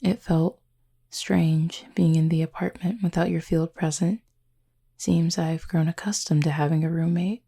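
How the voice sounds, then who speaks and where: In an intimate roleplay audio addressed to the listener, a woman plays a gentle, formal cupid roommate, speaking softly and breathily with measured, teasing politeness. Her low, slightly husky voice stays steady and heavily acted, sounding composed and fond.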